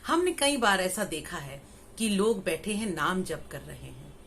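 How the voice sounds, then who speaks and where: A woman's voice: lowish voice, big pitch swings, a little slow, fairly bright tone, slight background noise. A middle-aged woman, a spiritual teacher, explains scripture with homely examples and rhetorical questions. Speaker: Gita teacher and spiritual life coach. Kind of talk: slow spiritual discourse on scripture.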